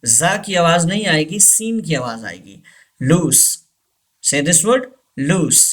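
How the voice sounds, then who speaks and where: A man teaching English pronunciation, switching between Hindi-Urdu and English and repeating each word slowly. His first language is Hindi-Urdu. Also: fairly high pitch, sing-song, fairly bright tone. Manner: mixes Hindi-Urdu and English, slow deliberate repetitions. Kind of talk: slow spoken language lesson.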